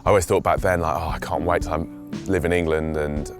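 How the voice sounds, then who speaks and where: Over music, a rumbling low voice moves fast with fairly even intonation. The speaker, a young Swiss-raised fishing enthusiast, rambles through casual outdoor chat and voice-over, often restarting his sentences.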